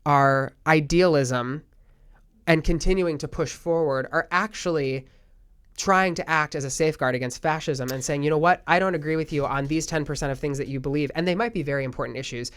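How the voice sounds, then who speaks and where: Clear-voiced man thinking aloud on politics. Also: on the high side, fairly quick, fairly bright tone. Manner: earnest, reflective, thinks aloud. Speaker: podcast host. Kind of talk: casual political chat.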